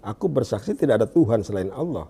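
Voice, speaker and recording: A man from Indonesia telling his story in an interview, often pausing and restarting as he searches for words, and dropping to a hushed voice when he quotes. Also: very animated, creaky, breathy edge. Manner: drops to a hushed low voice when quoting. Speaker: guest giving a testimony. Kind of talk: conversational interview.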